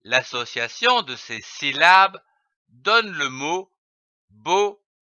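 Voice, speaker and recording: A man narrating a reading lesson, spelling out letters and syllables one by one with long, careful pauses. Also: fairly high pitch, big pitch swings, sharp tone, clear, resonant tone, no echo. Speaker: reading teacher. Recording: dull, lo-fi dry voice-over.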